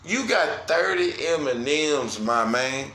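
A man hosting a solo sports podcast, cursing freely and swinging between loud outbursts and quiet, low asides. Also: lively intonation, slow pace, echoey room. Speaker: podcast host.

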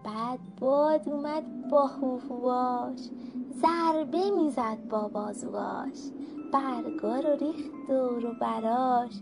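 A woman narrating a rhymed bedtime story for children in a gentle, slow, sing-song way. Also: sits high, gravelly. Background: background music.

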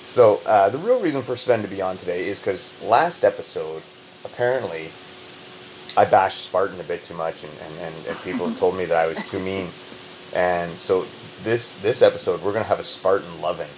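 Deep-voiced joking Canadian host. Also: male voice, moderate pace, a little hiss or hum, low-quality recording. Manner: joking, rambling. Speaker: podcast host. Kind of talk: casual podcast chat.

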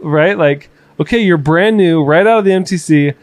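A man in his twenties chatting casually as podcast co-host, reflective and halting, with fillers and restarts. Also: fairly high pitch, dry recording. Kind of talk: casual conversation.

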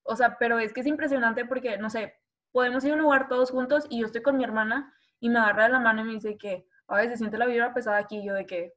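A young woman, chatting on a podcast. Her voice sits a little high, and she jumps into the voices of the people in her stories. She tells them in a quick, animated way. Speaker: podcast co-host. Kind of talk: casual chat, storytelling.

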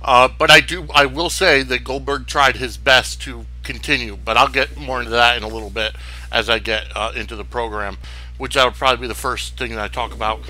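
A man's voice: mid-range voice, steady tone, a little fast, bright, forceful tone, low-quality recording. A man hosting a sports podcast solo, talking casually in a rambling, opinionated way. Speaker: sports wrestling podcast host.

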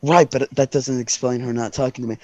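A man's voice: medium pitch, steady tone, a little fast, mellow, muffled recording. A man running a tabletop game, talking in a rambling, self-correcting way.

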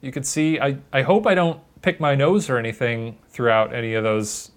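A man's voice: mid-range voice, steady tone, normal speed. A man co-hosting a podcast in casual chat, playful and emphatic, with lots of jokes. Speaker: podcast co-host.

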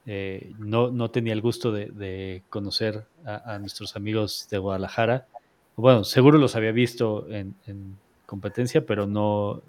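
Hesitant low-voiced man hosting. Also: darkish tone. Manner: hesitant, many fillers and restarts. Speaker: podcast host. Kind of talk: casual live-streamed chat.

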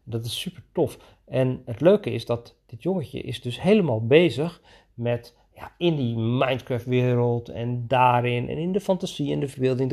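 A man who coaches children in his own practice, telling a podcast story in an enthusiastic, animated way. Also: medium pitch, gravelly. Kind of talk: podcast monologue.

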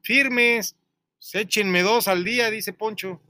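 A man's voice: high-pitched, slow, noisy background. A Mexican man hosting a radio talk show, rambling and joking with profanity as he tells stories.

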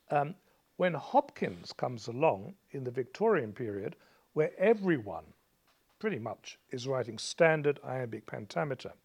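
A man's voice: a little high, a little mellow. A male teacher patiently explains a poem's rhythm to a student, chanting beats and counting syllables aloud.

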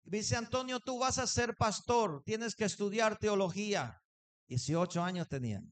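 A man's voice: sits high, normal speed. A man preaching a sermon, telling a personal story and acting out the dialogue. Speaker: pastor.

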